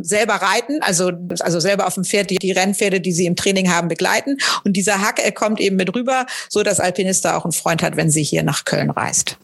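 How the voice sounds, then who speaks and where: A woman's voice: medium pitch, vocal fry, breathy edge. A woman working as interviewer and interpreter, relaying answers informally and consecutively.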